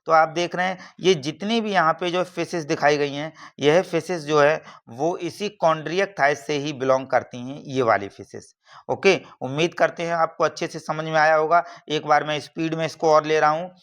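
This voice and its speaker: A man's voice: fairly high pitch, steady tone, moderate pace, a bit bright. A man teaching biology for exam prep over slides, repeating each term and quizzing listeners as he goes. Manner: repeats terms and asks the class questions; frequent "theek hai na" checks.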